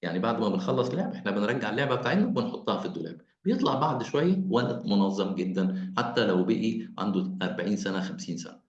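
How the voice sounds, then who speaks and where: A man with an Egyptian Arabic accent lectures parents over a video call. He talks fast with a lively, swinging pitch and restates his points. The audio is roomy and muffled, like lo-fi call audio. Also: a little hiss or hum. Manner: animated, explaining with repeated phrases. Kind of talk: online lecture.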